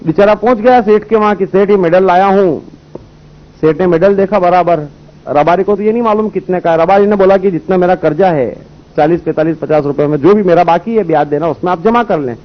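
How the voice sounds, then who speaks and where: Man, raised pitch, spiritual teacher telling anecdotes, muffled lo-fi old tape. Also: quick pace. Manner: storytelling, rhetorical questions, voices characters in anecdotes. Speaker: spiritual speaker. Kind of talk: spiritual discourse with parables. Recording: dull lo-fi old recording.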